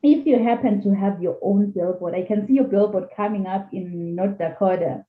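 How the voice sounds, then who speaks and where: A woman hosting an online talk show, greeting viewers warmly and introducing her guest. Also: medium pitch, normal speed. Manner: upbeat, welcoming, formal reading of a disclaimer. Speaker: podcast host. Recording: echoey, tinny phone-like call audio.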